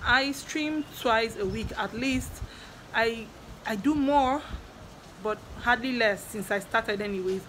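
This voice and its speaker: A young adult woman with a Nigerian accent, chatting excitedly in a home video blog and often repeating herself. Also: fairly high pitch, slow pace, slight background noise. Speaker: vlogger. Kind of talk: casual chat.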